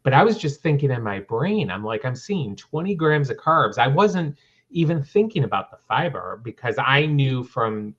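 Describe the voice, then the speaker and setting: Middle-aged male guest, animated storyteller who acts out the people in his story, slightly muffled livestream sound. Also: medium pitch, moderate pace, breathy edge. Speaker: interview guest. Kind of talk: casual storytelling in a livestream interview.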